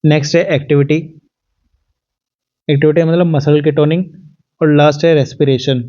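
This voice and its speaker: A man with an Indian accent teaching an online exam-prep lesson, explaining step by step and reading questions out slowly in English. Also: on the high side, little pitch movement, mellow, lo-fi sound.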